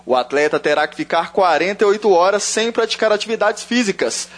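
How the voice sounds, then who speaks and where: A man delivering a scripted sports news report on the radio in a steady reading manner. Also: high-pitched, fairly quick. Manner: crisp, even reading of a prepared report.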